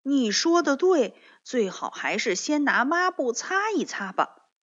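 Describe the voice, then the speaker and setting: A woman voicing a boisterous, stubborn young male frog in a children's story, loud and cheerful. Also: high-pitched, sing-song, measured pace, pitched above the performer's own voice, exaggerated voice. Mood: hungry. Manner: cheerful and loud, grumbles when caught out. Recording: dull lo-fi recording.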